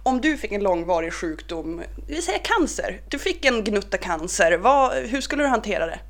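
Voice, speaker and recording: En kvinna från med norrbottnisk pratar avslappnat som programledare. Hon skämtar gärna och retas med sin medvärd. Rösten ligger i ett vanligt mellanläge för en kvinna. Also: female voice, medium pitch, sing-song, over music. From Norrbotten, Sweden. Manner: playful, teasing, quick with jokes. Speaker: podcast co-host. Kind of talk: casual chat.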